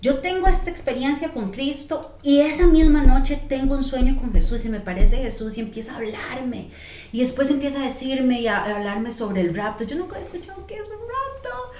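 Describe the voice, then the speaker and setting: A woman, a podcast guest, telling her life story casually in an animated, lively way. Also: a little fast, a little hiss or hum. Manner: animated, lively storyteller who jumps in pitch when quoting herself. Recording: echoey room.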